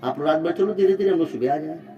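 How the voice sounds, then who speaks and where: A man giving a devotional sermon, retelling a religious story and appealing to the mothers listening. He shifts dramatically between loud exhortation and soft asides. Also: a little high, very fast. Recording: muffled distant mic with music.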